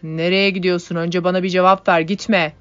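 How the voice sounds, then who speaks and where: A woman's voice: lowish voice, level tone, normal speed, clear, resonant tone, dry recording, dull audio, natural voice. Woman reading a pushy domineering young man. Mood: insistent. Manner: insistent, domineering.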